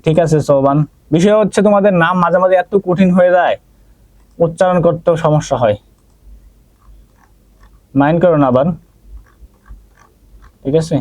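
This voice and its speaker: A man's voice: fairly high pitch, moderate pace, pauses often, darkish tone, no echo. A male math teacher with a Bangladeshi Bengali accent, leading an online geometry class and checking in with students by name. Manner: checks in constantly with "ঠিক আছে?", asks and answers own questions.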